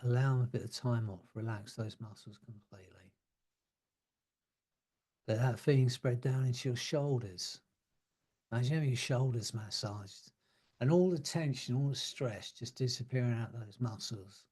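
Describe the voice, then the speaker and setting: Male hypnotist, guided relaxation, husky dark voice, slow soothing delivery. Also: mid-range voice. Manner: slow, soothing, drawn-out phrasing with soft trailing words.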